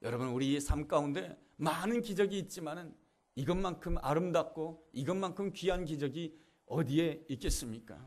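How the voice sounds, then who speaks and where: A man's voice: on the high side, normal speed. A male pastor preaching a sermon, telling a story with earnest, repetitive emphasis.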